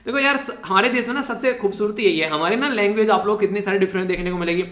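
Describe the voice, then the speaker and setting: Fast-paced man teaching exam-prep current affairs, high bright voice, chatty with joking asides, roomy echo. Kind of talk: exam-prep lecture in Hindi.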